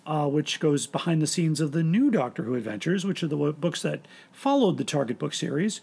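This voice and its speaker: A man's voice: fairly high pitch, expressive, a little fast, gravelly, darkish tone, husky. A man hosting a casual podcast, rambling and hesitant with many restarts. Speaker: podcast host.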